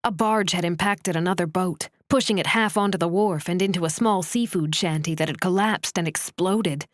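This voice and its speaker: Female audiobook narrator, measured and steady, lower register, dry studio read. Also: no echo. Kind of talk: scripted novel narration.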